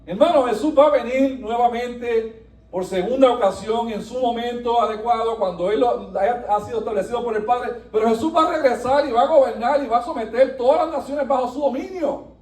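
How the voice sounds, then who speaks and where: Speaking a little fast, a pastor preaches in a high, mellow voice that swings widely between quiet passages and emphatic high points. The recording places him well back from the mic in a reverberant church sanctuary.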